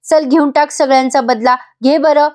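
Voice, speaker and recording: Woman narrator voicing a sister-in-law, young, apologetic, earnest, coaxing, higher pitch. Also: steady tone, moderate pace, a little mellow, close to an everyday voice. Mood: remorseful. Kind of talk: voice-over recap reading a character's lines.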